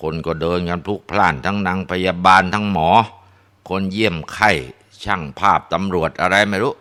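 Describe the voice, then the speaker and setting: A man narrating a ghost story in a relaxed way, with frequent tag particles and filler sounds. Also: low-pitched, normal speed, smooth.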